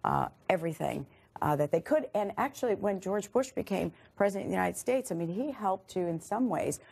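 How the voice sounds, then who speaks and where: A woman's voice: mid-range voice, big pitch swings, brisk, creaky, a little mellow, slightly rough. A woman commenting on a news panel, emphatic and listing points. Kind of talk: panel discussion.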